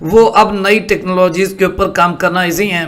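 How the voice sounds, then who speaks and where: A man's voice: high-pitched, fairly even intonation, moderate pace, a bit bright. A man giving stock market commentary over a screen share, explaining patiently and often checking that the listener is following. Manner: explanatory, asks "are you following me" often.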